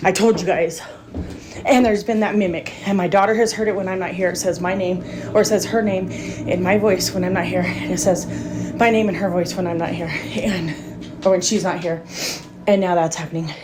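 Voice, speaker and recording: A mother films her dark house at night on a phone, panicked and breathless, whispering at times. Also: fairly low pitch, steady tone, fairly quick, noisy background. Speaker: mother filming at home. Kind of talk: frightened home video recording. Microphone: phone camera in hand. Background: music.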